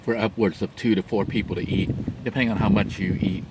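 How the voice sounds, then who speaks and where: Low-voiced man chatting through a meal. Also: steady tone, noisy background. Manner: unhurried, chatty, describing food in detail. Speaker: vlogger. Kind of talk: mukbang eating commentary. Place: inside a parked van.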